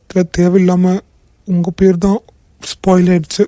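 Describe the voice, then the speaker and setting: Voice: medium pitch, monotone, moderate pace, no echo, natural voice. A voice actor playing a guilt-ridden young male boss. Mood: guilty, tearful. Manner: soft-spoken, tearful, repeated apologies. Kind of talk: cartoon voice acting.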